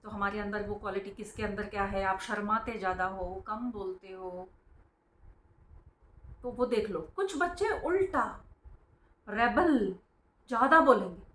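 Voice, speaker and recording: A woman's voice: mid-range voice, a little slow, pauses often. A woman gives an informal spiritual talk, explaining earnestly, calling her listeners friends and acting out how parents scold their children. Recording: roomy, echoing sound.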